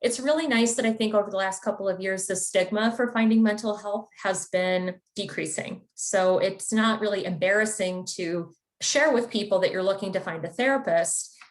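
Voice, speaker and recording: A woman's voice: mid-range voice, moderate pace, few pauses. A woman from the Chicago area, a therapist, giving an informative webinar talk in a conversational, explanatory way. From Chicago area, United States. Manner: conversational and explanatory, with occasional fillers. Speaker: therapist presenting a wellness webinar.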